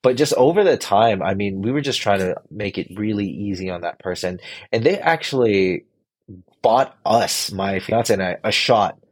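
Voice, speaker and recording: A man's voice: lowish voice, husky, no room sound. A young man from the Bay Area telling a casual, rambling story with lots of fillers and restarts.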